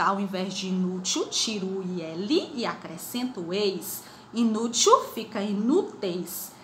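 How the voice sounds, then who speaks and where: A middle-aged woman teacher, giving a recorded video lesson to children, stretching words slowly and repeating the rules. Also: mid-range voice, fairly bright tone, echoey room, a little hiss or hum. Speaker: primary school teacher.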